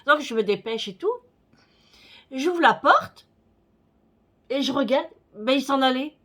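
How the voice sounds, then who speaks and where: A woman's voice: high-pitched, lively intonation, a little slow, fairly bright tone. A woman in her forties, chatting casually on her vlog, rambling with many fillers and a slightly stuffy nose. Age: 40s. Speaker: vlogger. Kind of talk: casual chat.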